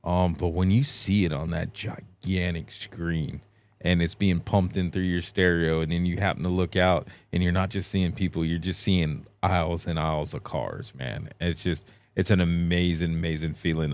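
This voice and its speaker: Deep-voiced man on a casual podcast. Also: moderate pace. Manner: relaxed, rambling with many fillers. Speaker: guest host.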